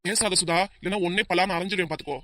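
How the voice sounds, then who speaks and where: A woman's voice: fairly low pitch, rapid-fire, lightly acted. Woman voicing an angry hot-tempered father. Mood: furious. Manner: scolding, shouting threats. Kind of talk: cartoon voice acting.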